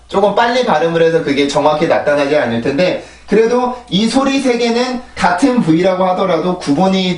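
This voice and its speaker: A man teaching English pronunciation in a casual spoken lesson, drilling words slowly and often checking in with his listeners. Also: high voice, echoey room, distant mic. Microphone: small clip-on mic with phone camera.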